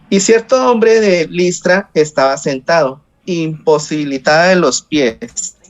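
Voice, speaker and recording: A man reading scripture aloud in a Bible study over a video call, slow and halting, with slips he corrects. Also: on the high side, dull audio.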